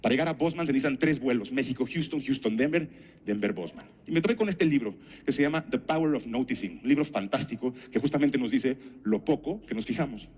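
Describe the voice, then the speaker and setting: A man's voice: medium pitch, lively intonation, fast, darkish tone, husky. Man, conference speaker, storytelling, rhetorical questions to the audience. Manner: narrates anecdotes, asks the audience rhetorical questions.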